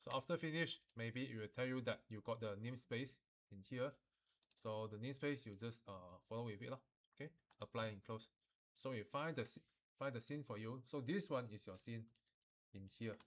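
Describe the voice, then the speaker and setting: In an informal step-by-step software tutorial, a man with a Malaysian or Singaporean accent gives instructions colloquially, ending sentences with particles. He speaks at medium pitch and a normal speed.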